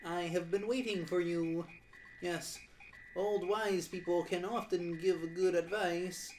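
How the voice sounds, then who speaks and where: A woman voicing a patient old male frog sage from a video game, speaking as a wise mentor in measured, formal phrases. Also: lowish voice, fairly even intonation, a little mellow, a little hiss or hum, rough recording. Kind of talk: dramatised video game dialogue reading. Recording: music behind the voice. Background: plucked-string game music.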